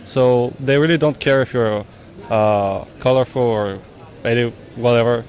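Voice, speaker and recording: Measured, matter-of-fact man. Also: medium pitch, fairly even intonation, darkish tone. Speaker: passer-by interviewee. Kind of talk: street interview answers.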